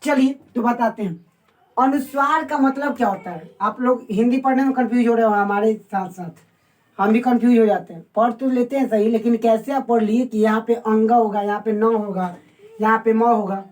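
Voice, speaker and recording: A woman teaching a casual online lesson, asking the viewers questions and repeating words slowly to sound them out. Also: a little high, a little mellow, rough recording. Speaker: Hindi teacher.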